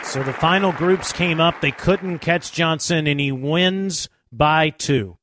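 A man's voice: on the high side, slow pace, a bit bright, some chatter behind, a little hiss or hum. A man narrating a golf tournament recap as a show host.

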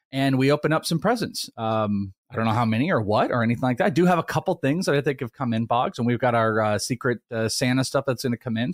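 Male podcast host, medium pitch, informal teasing chat, very dry studio sound. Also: no room sound. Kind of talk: casual, bantering podcast talk.

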